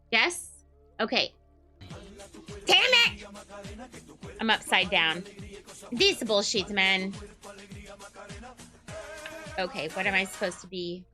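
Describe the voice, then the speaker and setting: A man streaming a game through a voice changer that makes him sound like a woman, excitable and swearing as he plays. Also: extremely high pitch, pitched above the performer's own voice, heavily acted. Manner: excitable, swears often, talks to himself while playing. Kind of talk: casual live-stream chatter.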